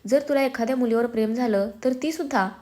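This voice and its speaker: A jealous, playful young twin brother who whines and teases, his complaints half joking. A woman reads him in a slightly high voice, close to her own. He drops casual English slang between sentences. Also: fast, darkish tone, natural voice. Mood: sulky.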